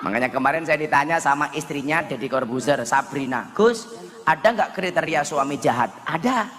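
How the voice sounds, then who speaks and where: A male preacher giving a humorous wedding sermon, animated and joking, at a large gathering. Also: a little high, normal speed. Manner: joking, animated, slips into Javanese dialect and sung verses. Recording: echoey hall with faint ambience.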